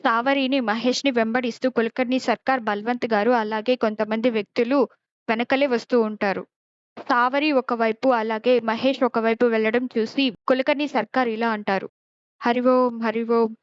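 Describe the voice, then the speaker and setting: Woman, story retelling, plain reading of the quoted lines, fairly high voice, dry lo-fi recording. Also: steady tone, moderate pace, no echo. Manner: plain retelling that reads out the characters' lines without acting them. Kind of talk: casual retelling narration with quoted dialogue.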